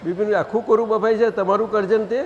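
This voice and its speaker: A man leading a satsang, gently directing the audience and asking them questions. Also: sits high, fairly even intonation, fast, muffled recording, background noise. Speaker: spiritual teacher leading a satsang. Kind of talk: conversational religious gathering talk. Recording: long hall reverb.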